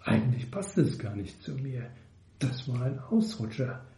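A man giving a measured, explanatory Buddhist dharma talk. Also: medium pitch, big pitch swings, dark tone, reverberant. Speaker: Buddhist teacher.

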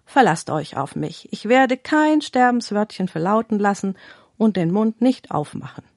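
A woman reading the lines of a talkative, quick-tempered turtle in a storybook tale, with an indignant, scolding manner. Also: medium pitch, animated, vocal fry, no echo, studio quality. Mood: assuring. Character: chatty hot-tempered turtle.

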